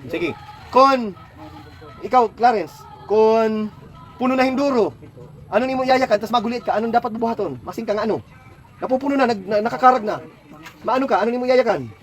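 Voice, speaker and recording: A man's voice: extremely high pitch, a little fast, pauses often. A man tutoring a child at home, patiently coaxing answers with lots of questions. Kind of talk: home lesson, quizzing a child.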